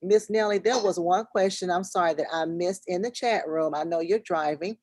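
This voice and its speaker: A woman's voice: fairly low pitch, moderate pace, a little mellow, no room sound. A woman hosting a children's class on a video call, informal and instructive, repeating her directions. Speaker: host of a virtual children's class.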